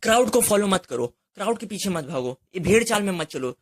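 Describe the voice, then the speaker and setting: A man's voice: sits high, animated, brisk. A young man giving an earnest motivational monologue, repeating phrases and urging the listener directly while mixing English phrases into his Hindi. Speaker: motivational speaker.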